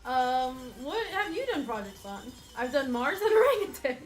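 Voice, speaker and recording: A woman's voice: high-pitched, sing-song, normal speed, soft background music, poor audio. A woman co-hosting a casual gaming chat with her partner, playful and teasing, laughing often. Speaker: co-host playing a video game.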